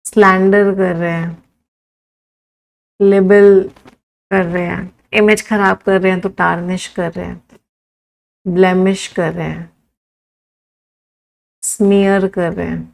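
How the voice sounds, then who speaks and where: A woman teaching an English vocabulary class. She lists words one by one, drawing each out slowly for students to write down, counts them aloud and answers students' suggestions. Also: fairly low pitch, flat delivery, gravelly, rough recording. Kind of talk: live exam-prep vocabulary lesson.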